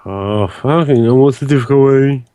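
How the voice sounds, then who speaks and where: A man's voice: mid-range voice, moderate pace, crowd noise. A man bantering casually and swearing as a player in a tabletop game.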